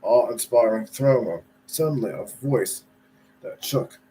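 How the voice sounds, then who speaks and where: A man's voice: medium pitch, a little slow, mellow, rough recording. A man reads a children's story aloud in an easy, chatty manner. He sometimes trips over a phrase and goes back to reread it. There is a faint hum of background noise. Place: at home.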